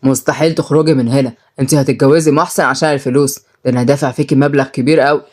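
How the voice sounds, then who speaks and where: A woman's voice: rumbling low, fairly even intonation, rapid-fire, darkish tone, pitched below the performer's own voice. A woman voicing a cruel, scheming young man with an Egyptian accent. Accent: Egyptian Arabic. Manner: sneering, bullying.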